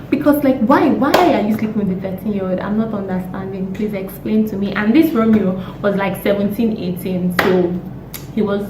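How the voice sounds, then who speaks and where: A young woman, hoarse from a cold, chatting casually and emphatically as a vlogger with exasperated rhetorical questions. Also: medium pitch. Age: young adult. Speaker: YouTube vlogger. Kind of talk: casual opinionated chat. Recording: roomy echo, distant mic, faint noise.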